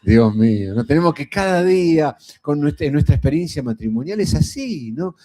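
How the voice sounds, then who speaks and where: Middle-aged Rioplatense male preacher; relaxed, conversational sermon delivery with a warm, dark tone and plenty of rhetorical asides. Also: fairly high pitch, normal speed. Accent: Rioplatense Spanish. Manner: folksy and conversational, frequent rhetorical "¿no?".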